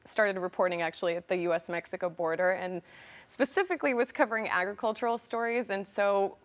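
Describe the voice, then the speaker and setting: A woman's voice: medium pitch, fairly quick. Polished young woman reporter from California, eager studio guest. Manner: enthusiastic, polished reporter delivery. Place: TV studio set. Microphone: lapel mic.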